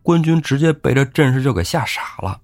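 A man telling a classic tale as the show's host, with lively, jokey asides to the listener. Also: medium pitch, brisk. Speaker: storyteller host. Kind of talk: humorous storytelling of a classic novel.

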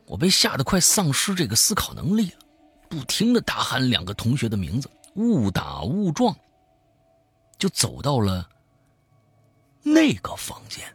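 A man who hosts a show, telling a scary story in the first person, swinging from hushed to loud. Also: mid-range voice, huge pitch swings, measured pace, long pauses, breathy edge, no room sound. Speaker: host reading a listener's story.

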